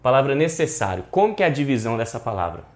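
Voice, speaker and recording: A male teacher, giving a lively, slangy exam-prep class and shouting words out loud for emphasis. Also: mid-range voice, quick pace. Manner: lively, slangy, addresses students as "galera"; bursts into loud emphatic shouts when stressing syllables.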